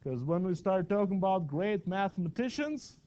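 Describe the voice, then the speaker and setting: Man, math teacher, classroom lecture, chatty, asks the class questions, slightly high voice, muffled lo-fi sound. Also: expressive, normal speed, mellow.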